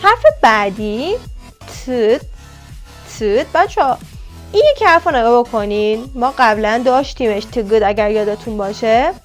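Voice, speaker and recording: High-voiced woman teaching Korean consonants. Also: animated, soft background music. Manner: repeats sounds slowly, addresses viewers as kids.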